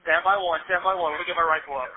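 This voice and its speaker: Husky high-voiced man over police radio. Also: steady tone, rapid-fire. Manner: terse, urgent, repeats his calls. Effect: heard over a two-way police radio. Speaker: police officer. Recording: tinny narrow-band radio transmission.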